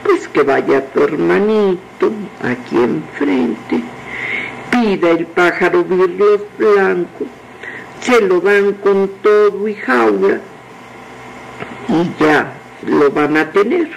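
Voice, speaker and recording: A scheming older woman who coaxes and confides, played by a male storyteller. She talks slowly with a gravelly texture. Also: high-pitched, a little hiss or hum, exaggerated voice, low-quality recording. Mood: coaxing.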